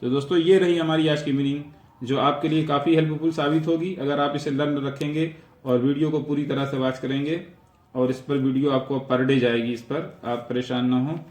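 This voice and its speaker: A man's voice: a little high, fairly even intonation, normal speed, a little mellow, reverberant. A man teaching a vocabulary lesson, repeating each word and its meaning and explaining how to pronounce it.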